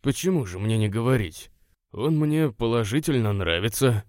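A man's voice: medium pitch, expressive, normal speed, a little mellow, dry recording, close to an everyday voice. Man playing a curt, irritable young man. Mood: grumbling. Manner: dry, curt, grumbling.

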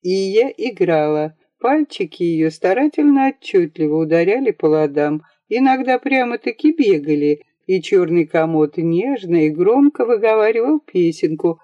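A woman narrating a novel in an audiobook, with expressive, lively storytelling. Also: on the low side, moderate pace, few pauses, no echo, highs cut off.

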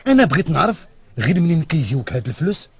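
A man's voice: fairly high pitch, very animated, rapid-fire, breathy edge, dry recording, full character voice. An actor playing a suspicious Moroccan man who confronts a friend in film dialogue. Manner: prying, confrontational.

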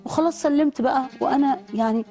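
Fast-talking Egyptian woman giving testimony. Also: sits high, warm tone. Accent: Egyptian Arabic. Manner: fervent, prayerful storytelling. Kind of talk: emotional personal testimony.

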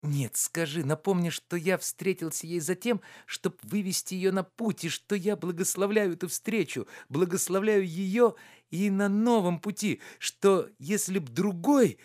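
Oblomov, a man doing an excitable gentleman. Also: normal speed, lightly acted. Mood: ecstatic. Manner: high, fervent, breathless. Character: emotional gentleman, excitable, soft-hearted.

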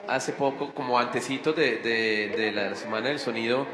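A man hosting a casual radio conversation, relaxed and rambling, laughing easily. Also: mid-range voice, normal speed, reverberant, long reverb tail, crowd noise, low-quality recording. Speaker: radio host.

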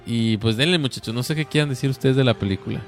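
A man's voice: medium pitch, fast talker, faint music behind. A man hosting a casual podcast, steering the talk and prodding the others to speak. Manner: moderating, friendly prodding. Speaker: podcast host. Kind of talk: casual chat.

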